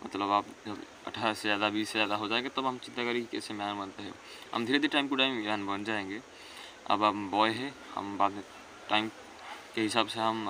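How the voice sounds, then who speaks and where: Over a noisy background, a teen boy with a fairly low voice gives sincere, meandering tips on bettering yourself, circling back to the same points in a relaxed monologue.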